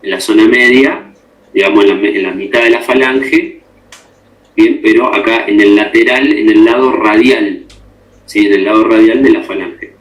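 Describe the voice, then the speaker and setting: This instructor's voice is fairly low yet fairly bright, moving at a normal pace through an echoey room. He lectures a class step by step, explanatory in manner, constantly tossing in tag questions to make sure everyone understands.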